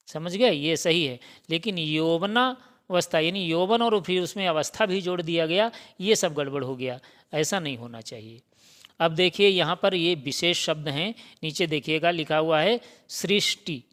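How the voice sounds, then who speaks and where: A man's voice: fairly high pitch, fairly bright tone. A man teaching a Hindi spelling lesson for exam students, drilling each word by asking it and answering it himself. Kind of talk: exam-prep grammar lesson.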